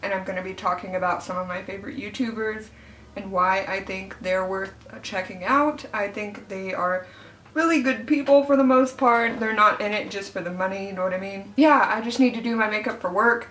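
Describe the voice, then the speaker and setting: A woman's voice: medium pitch, moderate pace, fairly bright tone, a little hiss or hum. American woman with whitening trays in, echoey room. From Arkansas, southern United States. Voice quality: speech slightly altered by teeth whitening trays in mouth. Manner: candid, informal, swearing, self-deprecating. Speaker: beauty vlogger. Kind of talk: casual chatty get-ready-with-me vlog. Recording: echoey room, distant microphone.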